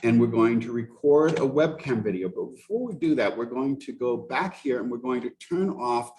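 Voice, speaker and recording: A man leading a teaching workshop as a casual live software demo, thinking aloud and correcting himself as he goes, heard over a video call. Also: medium pitch, lively intonation, normal speed, slight background noise.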